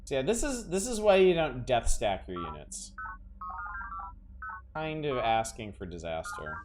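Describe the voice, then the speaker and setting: Man with lively pitch, casual game commentary. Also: a little slow. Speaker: video game streamer. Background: faint game music.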